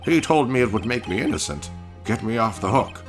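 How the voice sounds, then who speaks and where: A man's voice: on the low side, lively intonation, a little fast, soft background music, close to an everyday voice. A man voicing a grumpy old man, a bitter former bailiff confessing his crime in video game dialogue. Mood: bitter, confessional.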